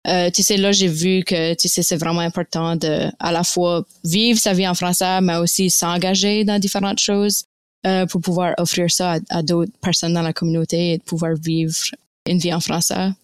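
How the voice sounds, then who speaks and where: A young woman with an Acadian French accent speaks as a podcast guest, pausing often to find her words. Her voice sits fairly low and sounds smooth and resonant. The recording is dry and close. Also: flat delivery, no room sound. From Nova Scotia. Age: young adult. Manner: hesitant, searching for words. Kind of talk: casual interview talk.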